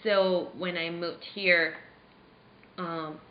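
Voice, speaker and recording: Young woman from Venezuela, low voice, earnest and halting, roomy slightly dull recording. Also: fairly even intonation, a little hiss or hum. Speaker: interviewee playing a charity founder. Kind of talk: staged mock interview.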